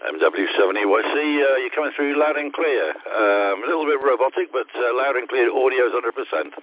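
Guy coming in over a ham radio, tinny and narrow, um-ing and uh-ing, mid pitch. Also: lively intonation, a little fast, no room sound. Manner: hesitant, filler-laden. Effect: heard over a ham radio link. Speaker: radio amateur answering a call. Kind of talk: casual radio contact.

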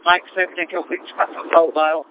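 Guy coming through a staticky ham radio, tinny and crackly, quick friendly call signs, kinda flat delivery. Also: a little high. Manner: brisk, friendly call-sign chatter. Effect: heard over a radio transceiver with static bursts. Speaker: amateur radio operator. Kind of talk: radio check exchange.

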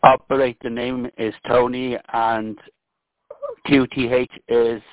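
Male ham radio operator on air, measured call-sign delivery, tinny radio line. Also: medium pitch, little pitch movement, no echo. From South Wales. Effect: heard over a ham radio link. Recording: tinny, dry radio transmission.

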